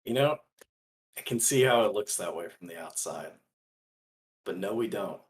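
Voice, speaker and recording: A man playing a principled, earnest gunslinger in a tabletop role-play, speaking deliberately in halting phrases. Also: deep voice, expressive. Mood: steady, resolute.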